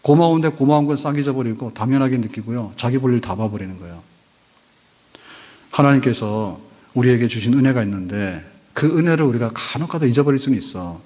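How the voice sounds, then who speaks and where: A man's voice: mid-range voice, animated, fairly quick, a little mellow. A man preaching a sermon as a pastor, speaking in a conversational way, with everyday anecdotes and rhetorical questions. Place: church sanctuary. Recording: church hall reverb.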